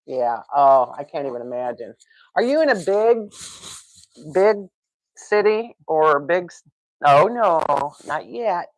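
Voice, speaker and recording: A woman's voice: low-pitched, big pitch swings, slow pace. A woman hosting a casual live stream from home, rambling, laughing and answering viewer comments.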